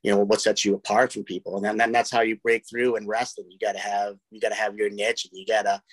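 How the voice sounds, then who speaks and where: Co-host guy, kinda low, pretty monotone, encouraging, says you know a lot, dry sound. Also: quick pace, no echo, rough recording. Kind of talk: casual interview talk.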